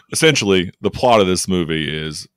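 A man's voice: low-pitched, very animated, measured pace, dry recording, clean studio sound. A young man co-hosting a casual movie review chat, laid-back and wry, acting out lines from the film. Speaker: podcast co-host.

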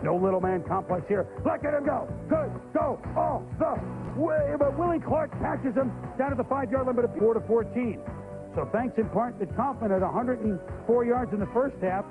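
Man, sports highlights announcer, very high voice, excited delivery, music behind. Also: normal speed, narrow, tinny audio.

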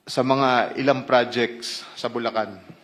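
A man of medium pitch with a Filipino accent reads formal testimony. He is a witness at a hearing, and his speech mixes Tagalog and English. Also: steady tone, measured pace, fairly bright tone.

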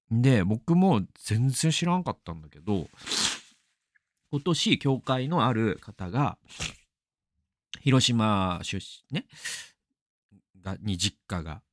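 A man's voice: fairly low pitch, no echo, clean studio sound. A middle-aged man hosting a radio show, talking casually and rambling, laughing often. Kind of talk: casual solo talk.

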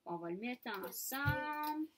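High-voiced slow teacher coaxing young kids. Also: female voice, expressive, fairly bright tone, a little hiss or hum. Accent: Franco-Ontarian French. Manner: slow, clear, coaxing teacher talk to children. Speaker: kindergarten teacher. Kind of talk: online phonics lesson for young children.

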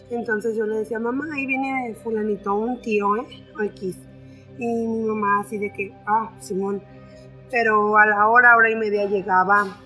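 A young woman telling a personal story in a casual, conversational way, often pausing on fillers. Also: a little high, pushed and bright, low-quality recording. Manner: conversational, with frequent fillers and restarts. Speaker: storyteller sharing a personal experience.

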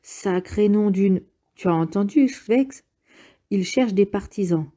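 A woman voicing a loud, quarrelsome old male partisan with a husky voice, in an audiobook reading. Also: medium pitch, slow, voice pushed up. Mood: excited, indignant. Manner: exclaiming, quarrelsome, grandiose.

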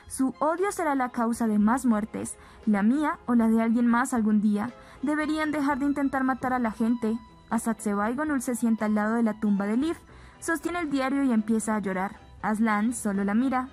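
A woman narrating a recap of a soap opera episode, reading the characters' lines flatly within her retelling. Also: fairly high pitch. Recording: background music bed.

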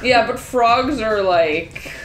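A woman's voice: a little high, takes it slowly, fairly bright tone, roomy sound, a little hiss or hum, poor audio. A woman playing and commenting on a video game in casual, joking chat, teasing and swearing freely. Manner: teasing, profane exclamations. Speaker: game player and co-host.

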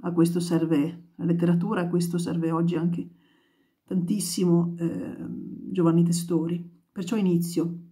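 Sex: woman. Role: playwright and actress. Style: literary reading aloud. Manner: measured and thoughtful, with a mellow, warm tone. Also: lowish voice, level tone. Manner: measured, thoughtful, with hesitant fillers when speaking freely.

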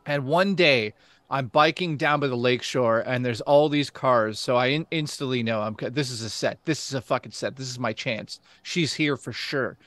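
A man hosting a casual podcast, telling a story excitedly. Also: medium pitch, moderate pace, no echo.

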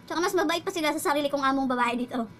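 Chatty high-voiced woman vlogger. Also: very fast, fairly bright tone, slight background noise. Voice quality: chatty, laughs while telling. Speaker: household driver and vlogger. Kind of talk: casual storytelling vlog.

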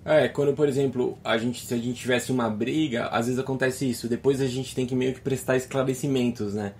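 A man at an ordinary middle pitch chats casually, pausing and hedging as he works through his thoughts. The delivery is unhurried and conversational. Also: fairly even intonation, a little hiss or hum. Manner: hesitant, thinking aloud. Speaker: podcast co-host. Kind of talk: casual reflective chat.

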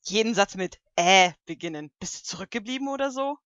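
A woman's voice: mid-range voice, lively intonation, fairly quick, fairly bright tone, no room sound, clean studio sound, lightly acted. A woman voicing a pushy, snippy young female alicorn pony in a fan audio drama, talking bluntly and teasingly. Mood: cheeky, snippy. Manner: blunt and cheeky, teasing and mocking.

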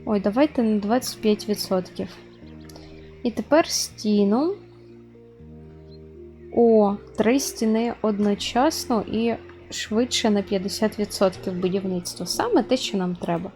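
A woman's voice: medium pitch, a little slow, dark tone, soft background music. A woman giving casual gameplay commentary, chatting straight to her viewers as she plays. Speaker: gaming video host.

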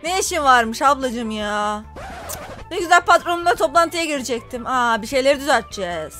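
A young woman chatting her way through a story-driven phone game, high-pitched and bouncing all over her range. She talks with dramatic, teasing flair, over faint background music. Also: expressive, brisk, pushed and bright. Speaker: gaming YouTuber. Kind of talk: let's play commentary.

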